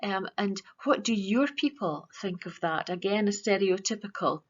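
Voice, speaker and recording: A woman teacher presenting a virtual school assembly in an earnest, measured way, with frequent ums. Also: medium pitch, breathy edge, dull audio.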